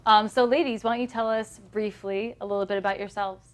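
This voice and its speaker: A woman's voice: medium pitch, steady tone, fairly quick, lightly acted. A woman playing an upbeat female talent-show host who introduces the judges and the acts. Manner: upbeat presenter patter.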